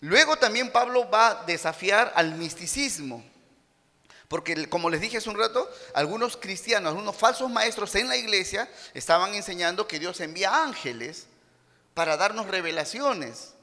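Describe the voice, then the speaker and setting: A man's voice: high voice, animated, moderate pace, bright, forceful tone, big-room sound. A man preaching a sermon as a pastor in a church, acting out the people he quotes and punching his points with boxing-style exclamations. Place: church sanctuary.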